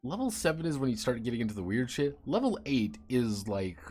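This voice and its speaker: A man's voice: mid-range voice, very animated, brisk, a little mellow, soft background music. A man streaming and chatting casually, rambling, swearing and sardonic about his teaching job.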